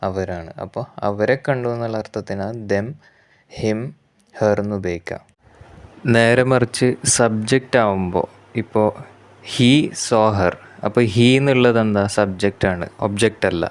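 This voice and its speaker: Malayali man teaching grammar slowly. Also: lowish voice. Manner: slow, repetitive explaining with self-corrections; reads English examples very slowly. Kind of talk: explanatory grammar lesson.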